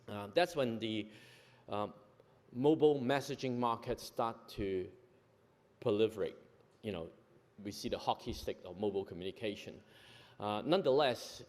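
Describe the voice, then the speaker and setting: Hong Kong executive at a podium, lowish voice, halting delivery, long hall reverb. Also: male voice, a little mellow. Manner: hesitant, many fillers and self-corrections. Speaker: conference speaker, company executive. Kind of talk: conference presentation. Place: large conference hall.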